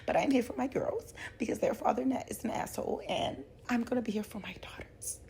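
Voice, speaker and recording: A woman's voice: on the high side, brisk, creaky, a little mellow, a little hiss or hum, voice pushed up. A woman voicing a defiant grown woman who stands up for her daughters, insistent and firm.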